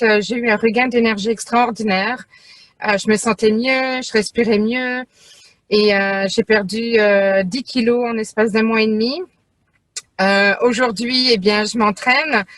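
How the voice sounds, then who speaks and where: A woman's voice: medium pitch, dry recording. Woman in her fifties, dry close sound. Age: 50s. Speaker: direct-sales distributor. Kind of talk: personal testimonial.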